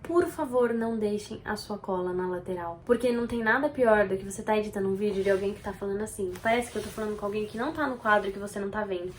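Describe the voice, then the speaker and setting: A woman with a Brazilian Portuguese accent, a video editor talking straight to camera and giving lively, expressive tips to viewers. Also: medium pitch, fast talker, few pauses, a little hiss or hum. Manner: expressive, animated, addresses viewer directly. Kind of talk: direct-to-camera tutorial.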